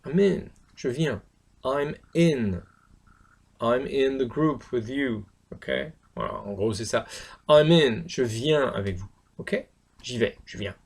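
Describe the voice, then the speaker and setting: A middle-aged man giving a casual spoken lesson, repeating each phrase and filling pauses with hesitations. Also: medium pitch, lively intonation, slightly rough. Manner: repeats phrases, lots of fillers. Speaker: English teacher.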